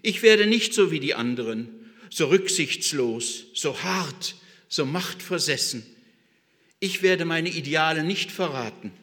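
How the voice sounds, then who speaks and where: A man's voice: fairly high pitch, lively intonation, a little slow, fairly bright tone, long reverb tail. A man playing an idealistic young politician making earnest vows. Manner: earnest, self-assured vows. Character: idealistic young male politician, sure of himself.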